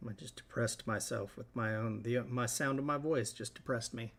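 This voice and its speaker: Gravelly man narrating his painting. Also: mid-range voice, moderate pace. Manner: relaxed, thinking aloud while working. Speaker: host. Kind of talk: live painting tutorial.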